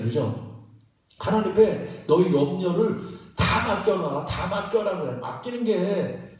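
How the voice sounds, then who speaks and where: Animated preaching man in an echoey hall. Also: high voice. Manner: emphatic, repetitive preaching with laughing asides. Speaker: pastor. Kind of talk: sermon. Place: church sanctuary. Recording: echoey church hall, mic at a distance.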